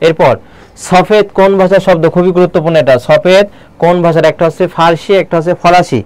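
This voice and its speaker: A man teaching a live online Bangla lesson, keeps asking the viewers questions and slows down to read poem lines aloud. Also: high-pitched, fairly even intonation, darkish tone, clean tone, no echo. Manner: quizzing viewers with repeated questions.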